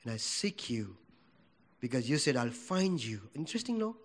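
A Nepali man, whose English is a second language spoken with a Nepali accent, preaches in church with a medium-pitched, sing-song voice at a moderate pace. His sermon swings from loud declarations to hushed prayer.

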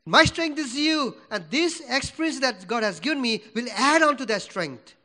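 With an extremely high pitch, a man from Nepal preaches in church in accented English, which is not his first language. He is animated and keeps a moderate pace, swinging between loud pronouncements and quiet prayer.

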